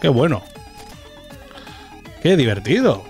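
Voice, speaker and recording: Male streamer, Castilian accent, casual and animated play-by-play, swears freely, game music underneath. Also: medium pitch, slow. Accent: Castilian Spanish. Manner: animated, sweary, talking to himself. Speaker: gaming streamer. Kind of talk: casual gameplay commentary. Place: small indoor streaming room. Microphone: boom-arm microphone close up. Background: video game music.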